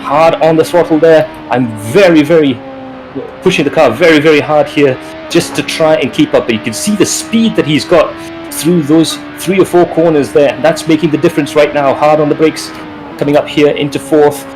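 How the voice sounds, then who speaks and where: A man commentating his own sim race as he drives, with excited play-by-play that rises at each battle. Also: a little high, moderate pace, music in the background, rough recording. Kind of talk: live race commentary while driving.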